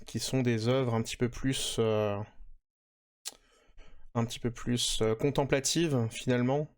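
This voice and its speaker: A man's voice: mid-range voice, darkish tone. Chatty man reviewing manga. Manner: chatty, hesitant with many fillers. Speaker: podcast host.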